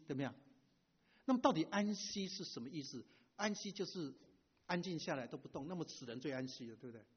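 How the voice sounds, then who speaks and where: A middle-aged male pastor giving a lively sermon, often asking the audience questions and mixing in English words. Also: a little high, husky. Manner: animated preacher, asks the audience questions, mixes in English words. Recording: dull lo-fi recording.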